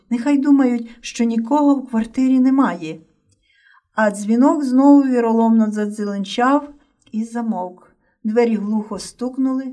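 A woman narrating a story in a measured, emotive reading voice. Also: fairly high pitch, warm tone, recorded from a distance.

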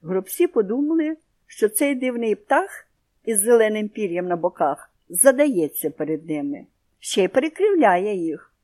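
A woman reads a children's story aloud in an expressive, storybook manner. Her voice moves animatedly up and down, sitting in a middling register for a woman. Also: mid-range voice, normal speed. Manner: expressive storybook reading with comprehension questions.

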